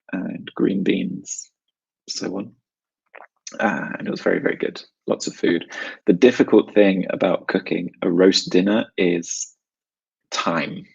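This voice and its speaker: A man's voice: deep voice, vocal fry, husky, dull audio. A man from South London with a South London English accent, teaching an informal online lesson in short, simple, chatty phrases with some repetition. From South London, England. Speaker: English teacher and webinar host.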